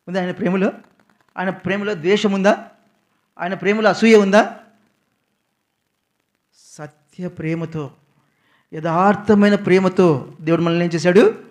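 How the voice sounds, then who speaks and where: A man preaching a sermon in a prayer house, who keeps asking the congregation questions, answers them himself and stresses key words loudly. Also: high-pitched. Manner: repeats key words with sudden loud emphasis.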